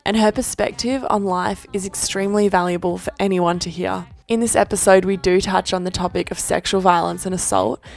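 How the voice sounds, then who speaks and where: A woman's voice: fairly low pitch, vocal fry. A woman hosting a casual interview podcast, talking in a chatty way with plenty of fillers and small laughs. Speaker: podcast host.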